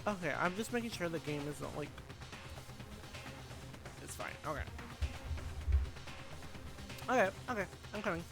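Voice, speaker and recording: Streamer reading game dialogue out loud, lively up-and-down voice, chatty asides, stumbles and rereads. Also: mid-range voice, unhurried, vocal fry, long pauses, music in the background. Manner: reads story text aloud, stumbles and rereads. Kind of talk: live game playthrough, reading dialogue aloud.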